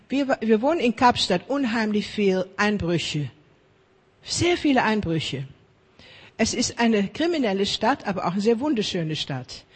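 A woman preaching a sermon in lively, chatty talk, often checking in with her listeners, with slightly broken grammar. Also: medium pitch, husky, in a large hall.

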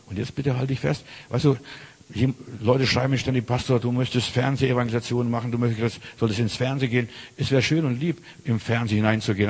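A pastor preaching informally, speaking directly to the listener with emphatic, urgent phrasing. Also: male voice, mid-range voice, a little mellow, breathy edge, in a large hall. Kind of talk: informal sermon.

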